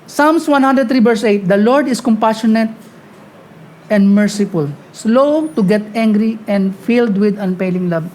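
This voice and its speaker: A woman preaching a sermon, talking quickly and often asking the congregation "Amen?". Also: medium pitch, darkish tone, slight background noise. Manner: mixes Tagalog and English, frequent call-and-response "Amen?"; talks fast at times.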